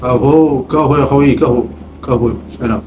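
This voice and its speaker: A man's voice: mid-range voice, fairly even intonation, normal speed, darkish tone, roomy sound, a little hiss or hum, rough recording. A man with a Gulf Arabic accent giving casual commentary on his gameplay, often repeating short catchphrases. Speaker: gaming video host.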